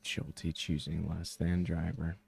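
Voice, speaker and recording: A man's voice: sits low, flat delivery, takes it slowly, gravelly, a little mellow, breathy edge. A man working as a golf commentator, calling a match live in short descriptive phrases full of golf jargon.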